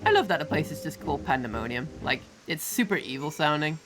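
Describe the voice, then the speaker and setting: A woman streamer giving casual, chatty commentary with quick asides while playing a game. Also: deep voice, animated, music in the background.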